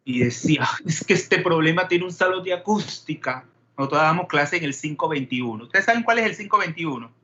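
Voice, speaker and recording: A man's voice: on the high side, animated, a little fast, bright, forceful tone, highs cut off, a little hiss or hum. A man teaching a chemistry class, peppering students with questions and wandering into digressions. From Panama. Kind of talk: classroom lecture.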